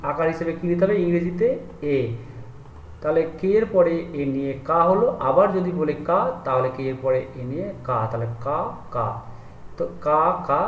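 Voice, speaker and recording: Bengali-speaking man teaching pronunciation. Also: on the high side. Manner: repeats each point as a question and answer. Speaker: English teacher. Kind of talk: spoken grammar lesson. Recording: echoey room, far from the mic, noisy.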